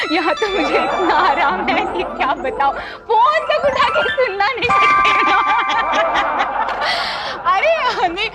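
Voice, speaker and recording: An actress playing a bossy, chatty woman head clerk in a sitcom who giggles her way through office gossip. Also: extremely high pitch. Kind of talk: sitcom acting.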